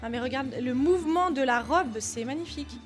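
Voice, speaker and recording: Woman vlogger gushing over dance clips, high voice, lots of euh and fillers, bit of music underneath. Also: brisk. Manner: chatty, exclamatory, full of fillers. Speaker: dance video host. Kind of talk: casual reaction vlog.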